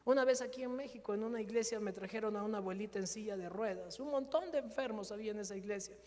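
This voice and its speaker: A man preaching a sermon as pastor, telling stories in a lively way and acting out the dialogue. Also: high voice, fast talker, big-room sound. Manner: animated storytelling, acting out dialogue.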